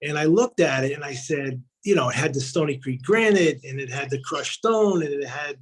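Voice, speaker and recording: Man, casual storyteller, slightly raised pitch, acts out quotes, video call. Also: normal speed, slightly rough, rough recording. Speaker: community member sharing memories.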